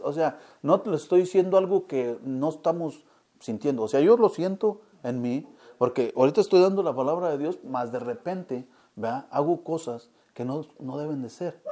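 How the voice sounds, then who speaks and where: Guy preaching to a small group, kinda high voice but dark tone, keeps asking "right?". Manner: conversational, keeps asking "¿verdad?" and "¿ven?". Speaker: lay preacher.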